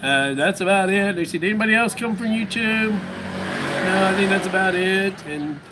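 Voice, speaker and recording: American male livestream host, fairly high voice, loose rambling chat, noisy background. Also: normal speed. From United States. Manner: rambling, musing aloud to viewers.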